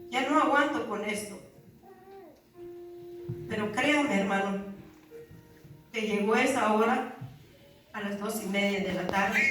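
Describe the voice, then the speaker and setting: Addressing the congregation as brother and sister, a woman earnestly shares her testimony as a church member. Her mid-range voice is a bit bright. The recording is far from the mic in a very echoey hall, with music faintly audible.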